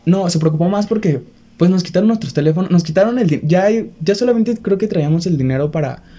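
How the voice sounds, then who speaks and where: A young man with a Mexican accent, telling a story in casual chat, animated and laughing nervously now and then. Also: sits high, quick pace. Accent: Mexican Spanish.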